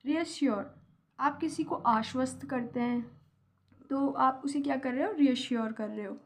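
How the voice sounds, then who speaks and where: A woman's voice: high voice, measured pace, slight background noise. A young Indian woman teaching English vocabulary, explaining each word patiently with examples. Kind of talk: vocabulary lesson in Hindi.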